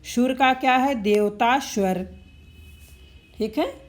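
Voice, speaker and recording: A woman's voice: a little high, takes it slowly. A woman teaching Hindi synonyms and spelling for exams, running through word pairs and checking in with "ठीक है" as she goes. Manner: repetitive, drilling word pairs with frequent "ठीक है". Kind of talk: explanatory exam-prep lesson.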